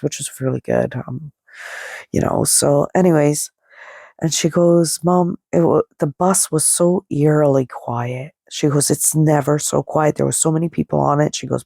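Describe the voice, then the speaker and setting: A middle-aged woman podcast host, nasal and stuffed up from a head cold, tells a personal story in a rambling, conversational way, quoting dialogue as she goes. Her deep voice is creaky and warm. She is lying down indoors, and the studio-quality sound is dry, close and free of echo.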